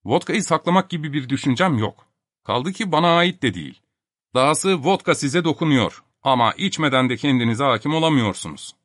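A man's voice: fairly high pitch, animated, fairly quick, fairly bright tone, dry recording, studio quality, voice pushed up. A man voicing a stern young doctor who lectures in a formal, polite way.

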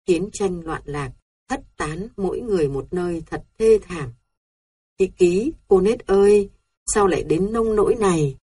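A woman's voice: fairly low pitch, measured pace, dark tone, husky. A woman voicing an older aunt who laments her lost relatives in a storybook reading. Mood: grieving. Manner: grieving, wailing.

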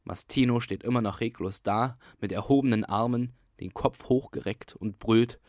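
A man doing a calm literary reading for a radio program. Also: mid-range voice, moderate pace, no room sound, studio quality. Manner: calm storyteller. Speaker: reader.

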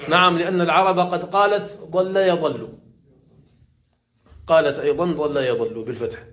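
A man teaching Arabic grammar in a classroom lesson, questioning his students and repeating examples slowly. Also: a little high, steady tone, highs cut off, a crowd in the background. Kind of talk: classroom lesson explaining morphology.

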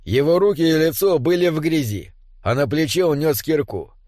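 A man narrating a storybook in an expressive, measured manner. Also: on the high side, dry recording, studio quality. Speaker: audiobook narrator.

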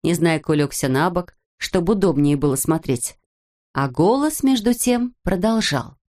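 A woman with a fairly low voice reads a children's story aloud. Her narration is expressive and measured.

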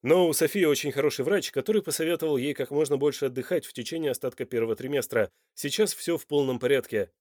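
A man voicing a calm, reassuring husband. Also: medium pitch, fast talker, few pauses, dry recording, studio quality, close to an everyday voice. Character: middle-aged husband, warm and reassuring.

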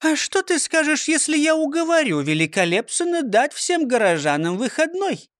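A man's voice: very high voice, big pitch swings, moderate pace, a bit bright, no room sound, studio quality, voice pushed up, exaggerated voice. A man voicing a prim, easily offended townswoman in a children's audiobook. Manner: huffy, pursed-lipped. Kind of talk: audiobook character voice.

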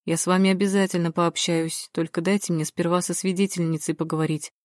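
A weary young police lieutenant, read by a woman narrator, curt and official, in a lowish, flat-toned voice. The reading sounds close and dry, like a storybook recording. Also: brisk, dry recording, natural voice.

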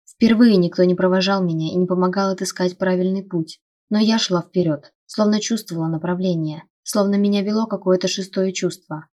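Low-voiced woman reading an audiobook. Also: fairly even intonation, brisk, warm tone. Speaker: audiobook narrator. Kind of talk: first-person audiobook narration.

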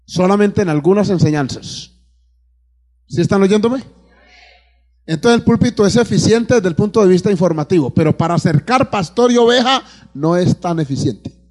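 Before his congregation, a Colombian-accented pastor delivers a sermon in an animated, high-sitting voice with a darkish tone at normal speed. He asks questions, calls for amens, and tends to repeat words as he hunts for what comes next.

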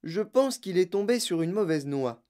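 A woman voicing an eccentric, lively male chocolate maker who explains things with animated enthusiasm. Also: fairly low pitch, moderate pace, pitched above the performer's own voice, close to an everyday voice. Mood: enthusiastic.

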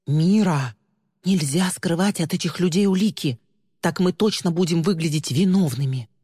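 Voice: medium pitch, normal speed, mellow, slightly rough, lightly acted. A sober, guarded teenage girl talks in a firm, slightly grumbling way, as a reader performs her. The voice sits close and dry on a long reverb tail.

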